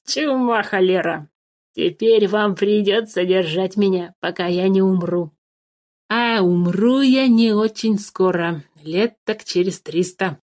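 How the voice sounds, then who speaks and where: A woman voicing a sly, greedy male dwarf who guards cave treasure, with a wheedling, drawn-out manner, in a storybook reading. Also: medium pitch, darkish tone, close to an everyday voice.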